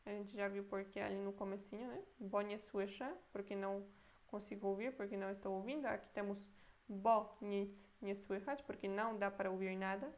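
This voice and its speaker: A Brazilian woman teaching a language lesson, repeating words slowly, thinking aloud and checking in often with her student. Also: medium pitch, steady tone. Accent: Brazilian Portuguese. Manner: thinks aloud, unsure and self-correcting. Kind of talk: Portuguese-language Polish lesson.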